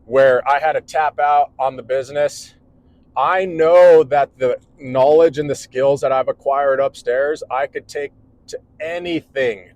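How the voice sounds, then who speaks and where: Talking to camera indoors at home, a man in his forties who works as an electrical contractor delivers a rambling, earnest vlog monologue full of restarts. His mid-range voice has a darkish tone. The dry recording is of low quality.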